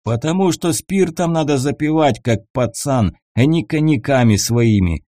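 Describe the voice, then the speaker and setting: A coarse male bandit tosses out crude jokes through a door, as a male audiobook reader voices him. The voice is lifted a little above the reader's own, mellow in tone and animated in pitch. The sound is dry and close. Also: normal speed, dry recording, natural voice. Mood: mocking. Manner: crude, joking.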